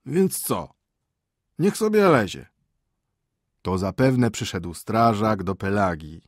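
A man reading an audiobook and voicing a grumpy, sleepy husband who grumbles gruffly. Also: fairly low pitch, sing-song, takes it slowly, no room sound, studio quality, heavily acted. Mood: grumbling. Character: grumpy, sleepy middle-aged husband, a prosecutor's assistant. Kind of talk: audiobook character voice.

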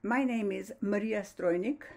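A woman from Slovenia giving a measured, formal science lecture over slides, with slightly non-native phrasing. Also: mid-range voice, creaky, a little mellow. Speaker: lecturer, astrophysicist. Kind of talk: prepared online science lecture.

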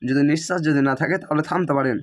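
Male Quran teacher with a Bangladeshi Bengali accent and a raised pitch, who spells out each word and repeats it patiently. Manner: breaks words into syllables, repeats them slowly. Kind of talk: spelling-out Quran recitation lesson.

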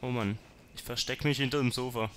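A man's voice: mid-range voice, steady tone, fairly quick, noisy background. A man commenting on his gameplay, talking to zombies and to himself and swearing when startled. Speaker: let's player.

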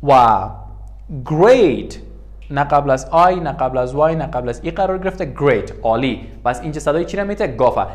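A man with an Afghan Dari accent teaching an English lesson in a room with a writing board. He says each word slowly and more than once, then translates it. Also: fairly high pitch, animated. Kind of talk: bilingual classroom lesson.

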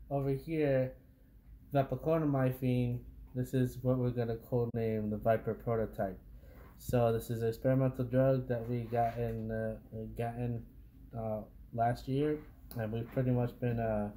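A man's voice: mid-range voice, warm tone, slight background noise, natural voice. A man playing a matter-of-fact researcher in an amateur drama, explaining informally with some hesitation. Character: matter-of-fact researcher presenting experimental cures. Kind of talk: amateur found-footage drama. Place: indoors at a wooden table.

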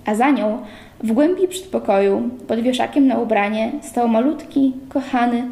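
A woman reading a novel aloud at a steady pace in a library. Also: a little high, moderate pace, gravelly. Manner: steady literary narration. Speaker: reader. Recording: roomy echo.

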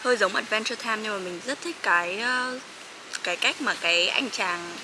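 The recording is very noisy as a young adult woman from Vietnam speaks at a moderate pace in a mid-range voice. A sleepy master's student and vlogger, she chats casually, laughing often and using many fillers.

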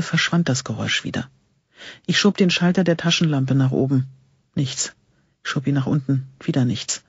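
A man narrating an audiobook in a steady, suspenseful reading style, with a husky voice. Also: a little high, no echo. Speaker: audiobook reader. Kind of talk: scripted narration. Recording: dull lo-fi recording.

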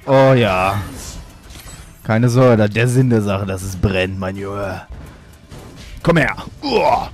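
A man's voice: fairly low pitch, takes it slowly, long pauses, faint music behind. A man giving gameplay commentary as a let's player, with playful, boastful trash talk.

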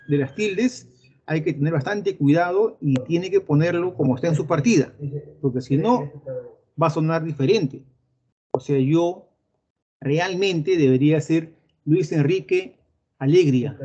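Middle-aged Peruvian male teacher, slightly high voice, chatty online lecture, muffled audio. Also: dark tone, slightly rough. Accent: Peruvian Spanish. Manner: chatty, addresses students directly. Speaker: pre-university math teacher. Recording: dull lo-fi audio with faint noise.

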